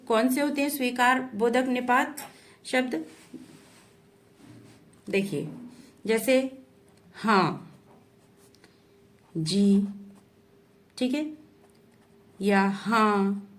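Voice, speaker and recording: A woman teaching Hindi grammar in a slow, deliberate way, repeating definitions and checking understanding. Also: fairly high pitch. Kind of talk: explanatory lesson.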